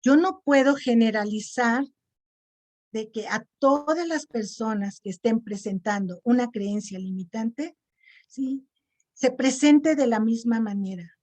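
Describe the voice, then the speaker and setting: A woman's voice: a little high, measured pace, darkish tone. A middle-aged woman lecturer, explaining patiently and checking in with her listeners often. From Mexico. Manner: didactic, checks in with frequent "¿sí?". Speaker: lecturer on self-esteem. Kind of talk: online lecture and Q&A.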